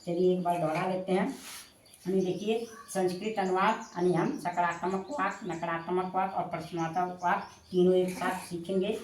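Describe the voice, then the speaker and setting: A woman teaching a language lesson, dictating slowly and repeating each word for her students. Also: lowish voice, fairly even intonation, a little mellow, roomy sound, slight background noise. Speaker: Sanskrit teacher. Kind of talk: classroom-style lesson.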